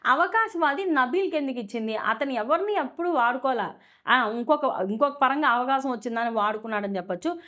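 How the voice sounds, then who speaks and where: A woman's voice: high-pitched, lively intonation, a little fast, fairly bright tone. A woman giving a casual, opinionated review of a reality show, full of fillers and rhetorical questions.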